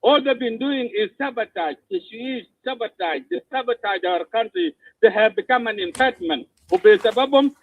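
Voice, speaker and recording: A South Sudanese man giving impassioned political commentary, forceful and repetitive, often stumbling over his words. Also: very high voice, normal speed, hardly any pauses, no room sound. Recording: tinny phone line, dry.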